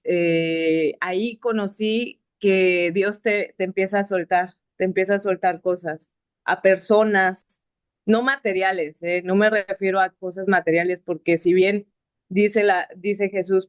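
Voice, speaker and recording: A woman's voice: mid-range voice, no echo, clean studio sound. A woman sharing a reflective personal testimony, often ending phrases with a questioning tag. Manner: reflective, with many filler "no?" tags. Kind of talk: personal testimony at a spiritist study group.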